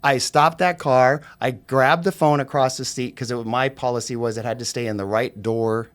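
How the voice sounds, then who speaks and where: A middle-aged man, a realtor guest on a podcast, telling an anecdote in an animated way with plenty of fillers. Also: medium pitch, moderate pace. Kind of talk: casual storytelling on a podcast.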